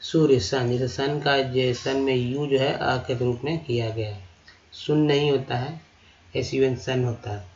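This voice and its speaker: A man teaching English vocabulary in a slow lesson, sounding out each word syllable by syllable and repeating it. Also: medium pitch, steady tone, muffled recording, slight background noise. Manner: repeats words syllable by syllable, addresses viewers as friends.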